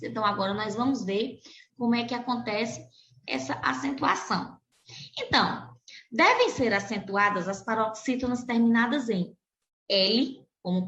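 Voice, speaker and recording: A Brazilian woman teacher with a Brazilian Portuguese accent, reviewing a lesson for children and slowly spelling out example words. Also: mid-range voice, fairly bright tone. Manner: slow, deliberate pronunciation of example words. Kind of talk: recorded classroom lesson for children. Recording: roomy, dull lo-fi recording.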